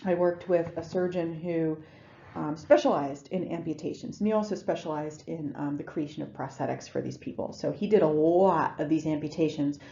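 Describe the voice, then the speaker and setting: A woman's voice: low voice, normal speed, gravelly, mellow, dull audio. A woman giving a recorded lecture in a conversational way, with frequent ums and restarts. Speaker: instructor.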